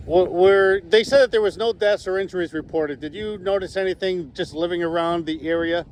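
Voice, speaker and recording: A man's voice: high-pitched, brisk, a little mellow. A man working as a reporter, presenting and interviewing on location. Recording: noisy location sound, vehicle noise.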